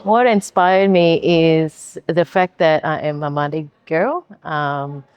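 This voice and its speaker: A woman's voice: deep voice, takes it slowly, smooth, no room sound, highs cut off. A young woman answering interview questions earnestly, with many fillers. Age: young adult. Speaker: conference attendee.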